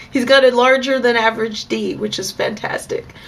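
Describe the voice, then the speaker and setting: A young adult woman talking frankly and chattily in a casual vlog monologue. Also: fairly high pitch. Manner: frank, chatty, with bursts of laughter. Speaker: vlogger.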